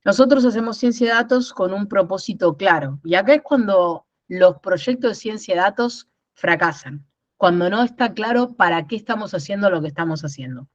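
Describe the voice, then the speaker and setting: A woman's voice: mid-range voice, lively intonation, moderate pace, no room sound, dull audio. A woman in her thirties from Rosario, Argentina, with a Rosario accent, explaining things in an online workshop and often checking in with "¿no?". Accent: Rosario Argentine Spanish. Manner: explanatory, repeats words and asks "¿no?". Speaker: workshop instructor.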